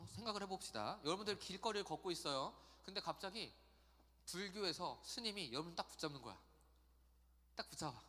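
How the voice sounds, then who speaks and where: Male youth pastor, animated storyteller, bright voice, church hall reverb. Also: a little high. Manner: chatty, animated storytelling with acted quotes. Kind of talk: youth sermon. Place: church sanctuary.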